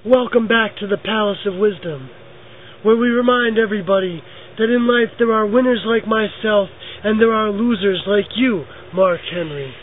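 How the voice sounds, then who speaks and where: A man's voice: high voice, moderate pace, background noise, close to an everyday voice. A man voicing a smug, condescending male wrestling champion. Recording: tinny lo-fi audio with music.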